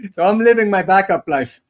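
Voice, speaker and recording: A man in his forties from Taiwan, co-hosting a casual livestream chat, talking in a chatty, self-deprecating way with frequent restarts. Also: high voice. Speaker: podcast co-host.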